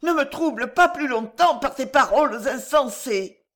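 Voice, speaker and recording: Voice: mid-range voice, very animated, a little slow, voice pushed up. A reader voicing a distraught young female opera singer who pleads through tears and then lashes out in anger. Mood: tearful. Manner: pleading, tearful, then furious.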